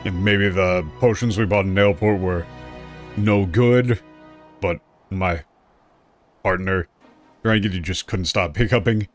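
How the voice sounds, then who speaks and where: A male game streamer with a fairly low voice, talking casually and thinking out loud as he plays. He paraphrases the dialogue in a loose, chatty way, with soft music in the background. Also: fairly even intonation, measured pace, pauses often. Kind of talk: casual let's-play commentary.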